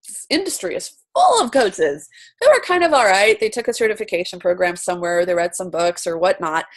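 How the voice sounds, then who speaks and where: A woman's voice: fairly low pitch, animated, fairly quick. A woman from Romania hosting an online coaching session over a video call, upbeat and chatty as she greets each guest by name. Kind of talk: casual video-call welcome and introduction.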